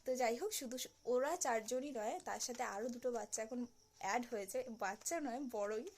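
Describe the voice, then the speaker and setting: Hushed young woman vlogging late at night. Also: a little high, brisk. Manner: hushed, soft-spoken to avoid being overheard. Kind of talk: casual late-night vlog chat. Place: bedroom at home at night.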